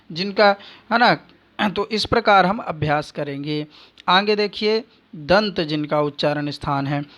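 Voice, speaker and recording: A man's voice: high-pitched, fairly bright tone. A man teaching a Sanskrit phonetics lesson, drawing out each sound as he demonstrates it and reciting grammar rules.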